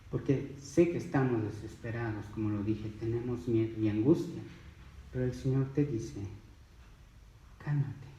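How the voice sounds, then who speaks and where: Male preacher, mellow tone, emphatic, rhetorical, roomy echo. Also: medium pitch, far from the mic. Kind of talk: sermon.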